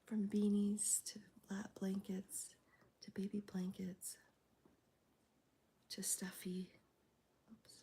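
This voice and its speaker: A woman whispers through a live chat in a flat, even murmur, her voice gravelly from a cold. The tone is soft and mellow, with a faint hiss of ambience behind her. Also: mid-range voice, slow, long pauses. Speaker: crochet livestreamer. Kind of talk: whispered ASMR livestream chat. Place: home, early morning.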